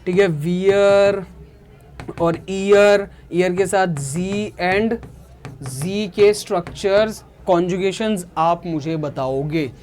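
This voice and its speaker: A man's voice: sits high, a little mellow. A man from India teaching a beginner language lesson, explaining patiently and often checking whether students have understood. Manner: slow, drilling words by repetition. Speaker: German teacher.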